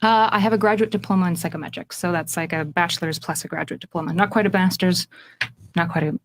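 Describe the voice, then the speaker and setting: A woman's voice: fairly low pitch, steady tone, fast. A woman in her twenties from Alberta, Canada, introducing herself as a podcast guest in an articulate way. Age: 20s. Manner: articulate, fills with "uh" and "kind of".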